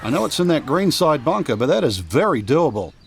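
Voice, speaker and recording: A man's voice: fairly high pitch, very animated, fairly quick, vocal fry. A man giving golf commentary and analysis in a conversational, explanatory way. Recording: noisy outdoor sound with crowd. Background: outdoor ambience, crowd.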